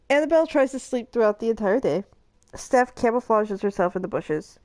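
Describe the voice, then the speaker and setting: Giggly woman streamer with a lively voice. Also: a little high. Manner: giggly, laughs often between lines. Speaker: streamer host. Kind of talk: casual chat, reading game events aloud.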